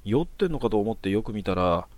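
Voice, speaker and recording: A man calmly reading out short horror stories in a matter-of-fact manner. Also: fairly low pitch, a little fast, no room sound. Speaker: storyteller. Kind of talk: narrated horror story.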